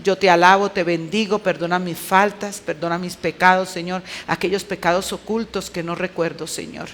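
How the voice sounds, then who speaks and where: A women's conference speaker with a Colombian Spanish accent preaches conversationally in a fairly low voice, at a moderate pace and with fairly even intonation. Her delivery is clipped and emphatic, and she poses rhetorical questions to her listeners.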